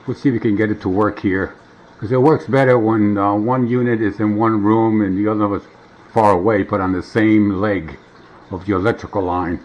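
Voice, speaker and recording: At home at a wooden table, a middle-aged man casually demonstrates a vintage gadget in a rambling, muttering manner. His fairly low voice holds a fairly even intonation at a moderate pace, and the home camera recording is dull and noisy.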